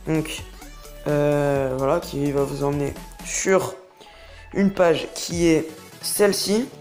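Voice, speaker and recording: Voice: mid-range voice, steady tone, takes it slowly, darkish tone, soft background music. A young tutorial host talking through a phone app step by step in a casual, rambling way, full of hesitations. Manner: chatty, rambling, filled with hesitations. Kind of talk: casual screen-recording tutorial.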